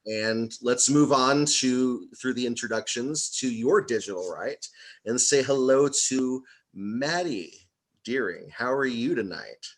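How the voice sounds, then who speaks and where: A man's voice: medium pitch, expressive, unhurried. Chatty rambling podcast host, a man. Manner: rambling, friendly, many restarts. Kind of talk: casual roundtable interview.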